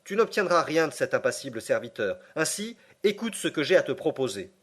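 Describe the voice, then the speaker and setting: A man's voice: a little high, very animated, fairly quick, fairly bright tone. A man voicing a stubborn older male professor in an audiobook, insistent and commanding. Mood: persuasive.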